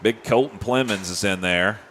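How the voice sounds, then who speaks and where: A man calling high school football play by play, winded, laughing and chatty. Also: moderate pace, a little hiss or hum. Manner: excitable, laughs often, chatty. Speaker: play-by-play announcer.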